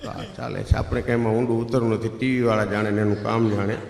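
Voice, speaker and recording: A middle-aged man with a Gujarati accent, telling comic stories on stage and jumping into loud, lively acted quotes. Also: on the low side, fast talker, gravelly, echoey room, in a large hall, crowd noise. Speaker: stand-up comedian. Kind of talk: Gujarati folk comedy storytelling.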